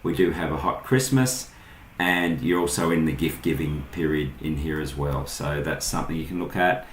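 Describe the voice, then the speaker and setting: Speaking at normal speed in a bass voice, an Australian online tutorial host runs an unscripted, casual screen-share session, thinking out loud in brief fragments. There's slight background noise, and the recording has a roomy echo.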